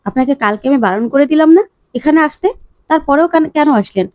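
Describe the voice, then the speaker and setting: A woman's voice: sits high, expressive, fast talker, darkish tone, no room sound, voice pushed up. A woman reading a scornful young woman's scolding. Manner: scolding, snapping. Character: sharp-tongued young woman, scornful and hostile.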